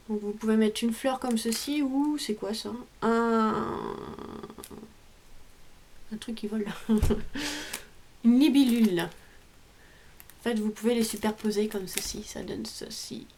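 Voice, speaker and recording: A woman's voice: on the high side, darkish tone, a little hiss or hum. A woman vlogger casually showing off a craft haul at home, chatty and hesitant, often trailing off. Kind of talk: casual show-and-tell haul.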